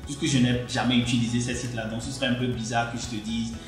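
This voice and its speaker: A man's voice: level tone, quick pace. Man, echoey room. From Benin. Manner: earnest, addresses the listener directly, emphatic pitch jumps. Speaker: relationship coach. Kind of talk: direct-to-camera advice talk. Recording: very echoey room with faint music.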